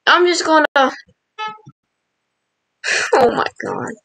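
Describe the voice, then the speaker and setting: A woman's voice: high voice, wildly swooping pitch, slow, gravelly, bright, forceful tone, no room sound, poor audio. A woman giving live gameplay commentary as a channel host, dramatic and exasperated, talking in casual slang.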